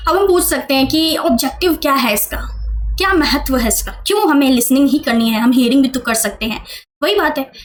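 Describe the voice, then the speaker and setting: A woman with a high voice gives a quick exam-prep lesson. She keeps it casual and chatty, checking in with the listener again and again. A faint hiss sits under the recording. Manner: chatty, repeats "theek hai" often, asks the viewer questions. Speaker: teacher.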